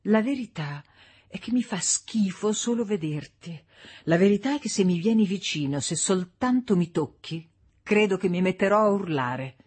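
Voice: mid-range voice, lively intonation, normal speed, darkish tone, slightly rough. A reader voicing a bitter, scornful young wife in an audiobook, speaking in a cold, mocking, cutting way. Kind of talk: audiobook character reading.

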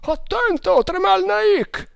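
A man's voice: high-pitched, normal speed, creaky, no echo, studio quality, pitched above the performer's own voice. A man doing an urgent, wary rower. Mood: warning. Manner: urgent warning calls.

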